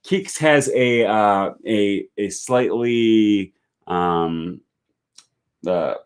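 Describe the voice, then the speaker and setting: An American man with a lowish, smooth voice speaks very slowly while hosting a language-learning live stream. Reading viewer comments, he thinks aloud, often using fillers and restarting his sentences.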